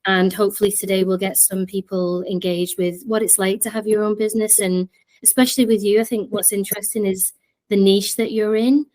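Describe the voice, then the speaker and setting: A woman's voice: mid-range voice, level tone, brisk, a little mellow. A woman hosting an interview podcast, chatty and enthusiastic as she introduces her guest. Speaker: podcast host.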